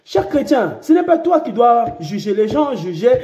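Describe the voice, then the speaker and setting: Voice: medium pitch, big pitch swings, moderate pace, dark tone, roomy sound, muffled recording. A preacher delivering an impassioned sermon, repeating phrases and breaking into dramatic cries.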